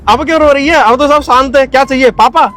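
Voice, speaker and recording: High-voiced man hosting a prank vlog. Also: quick pace, fairly bright tone. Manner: repetitive, soothing and urgent. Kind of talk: casual vlog talk to viewers.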